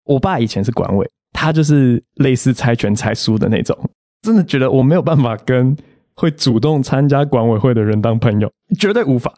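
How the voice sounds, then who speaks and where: A man's voice: mid-range voice, animated, a little fast, mellow, no echo, clean studio sound. Exasperated man ranting on a podcast. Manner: exasperated, rant-like storytelling with quoted voices. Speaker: podcast host and comedian. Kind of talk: comedic solo podcast monologue.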